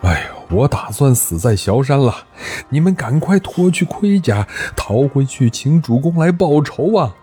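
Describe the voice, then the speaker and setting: A man's voice: mid-range voice, very animated, unhurried, dark tone, slightly rough, soft background music, pitched above the performer's own voice, exaggerated voice. A man voicing a defeated ancient general, loyal and earnest, speaking with urgency. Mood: desperate. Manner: pleading, urgent.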